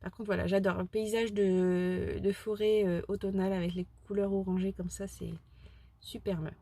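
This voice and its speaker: A woman chatting casually as a craft vlogger, rambling and excitable, often restarting her sentences and giggling at herself. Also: mid-range voice, moderate pace, no echo. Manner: excitable and self-deprecating. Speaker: craft vlogger showing a shopping haul. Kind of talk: casual chat.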